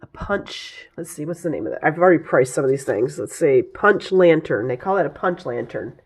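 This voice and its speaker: A woman with a raspy, hoarse voice from a head cold, chatting casually as she shows off her thrift finds, often pausing to search for words. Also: deep voice, lively intonation, darkish tone. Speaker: vlogger showing thrift finds. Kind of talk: casual haul show-and-tell.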